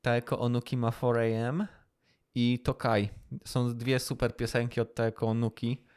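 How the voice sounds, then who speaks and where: A man's voice: medium pitch, flat delivery, a little slow, a little mellow, clean tone. A man with an ordinary mid-range voice co-hosting an unscripted podcast. He talks in an easy, chatty way, explaining things and slipping in jokes. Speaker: podcast co-host. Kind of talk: casual improvised chat.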